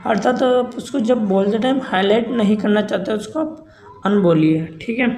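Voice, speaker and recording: A man's voice: sits high, a little mellow, a little hiss or hum, rough recording. A man teaching a grammar lesson, who poses questions and answers them himself and keeps checking in with his listeners.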